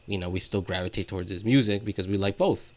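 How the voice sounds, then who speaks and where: This man talks fast in a low, darkish voice while co-hosting a casual music podcast. His thoughts ramble and stall, padded constantly with "like."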